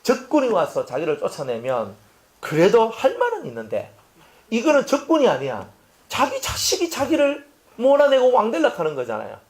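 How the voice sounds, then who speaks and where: A male pastor preaching a sermon, animated and asking the congregation rhetorical questions. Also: very high voice, normal speed.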